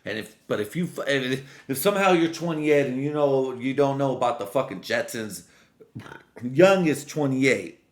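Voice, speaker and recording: At medium pitch and an ordinary speed, an animated man in his late twenties goes on a rambling, drunken vlog rant by himself. He's casual and loose, swearing and throwing around slang.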